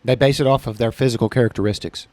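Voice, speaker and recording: A man's voice: mid-range voice, fairly even intonation, rapid-fire, a little mellow, dry recording. A man co-hosting a casual podcast chat who explains his views in a plain, matter-of-fact way, peppered with "literally" and "like", recorded in a small building. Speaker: podcast co-host.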